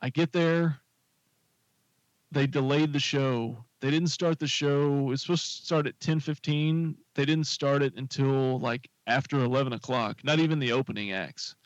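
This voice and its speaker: A man's voice: mid-range voice, steady tone, normal speed, dry recording, muffled recording. A man casually telling a long, rambling anecdote on a talk show, full of fillers and asides. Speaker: podcast co-host telling a story. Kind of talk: casual storytelling chat.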